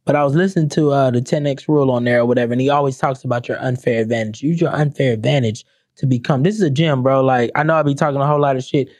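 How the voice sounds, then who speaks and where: A young adult man ranting comedically to camera, profane and animated, breaking into mock-sung lyrics. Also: medium pitch, fast talker, no room sound. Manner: animated, profane, sings song lyrics mockingly. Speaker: commentator.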